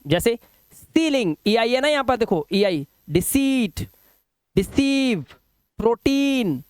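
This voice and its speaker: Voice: mid-range voice, dry recording, studio quality. An English teacher giving a spoken pronunciation lesson, reading out example words, stretching the vowels and quizzing the viewers. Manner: drills words aloud and asks the class questions; stretches vowels slowly when modelling words.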